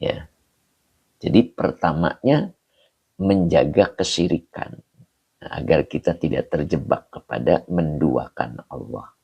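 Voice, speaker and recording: A man teaching an Islamic text in a livestream lesson. He explains Arabic words slowly and greets viewers by name from the comments, sounding slightly hoarse and clearing his throat now and then. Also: very deep voice, lively intonation, muffled recording.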